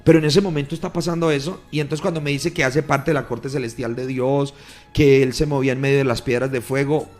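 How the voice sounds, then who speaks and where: A man, a pastor earnestly recounting a testimony on a radio program, his storytelling swelling louder at key moments. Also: mid-range voice, steady tone, fast, faint music behind. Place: radio studio.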